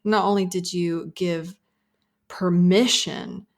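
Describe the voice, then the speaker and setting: Lower-voiced lady host, warm encouraging chat, slows down on big words. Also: fairly even intonation. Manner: encouraging, drawn-out emphasis, frequent affirming hums. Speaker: podcast host, business coach. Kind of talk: casual conversational interview.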